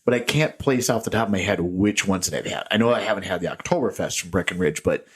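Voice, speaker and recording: On a casual beer podcast recorded in a small, echoey room with tinny sound, this co-host rambles, goes off on jokey tangents, and laughs a lot. His voice is low-pitched, husky and fast.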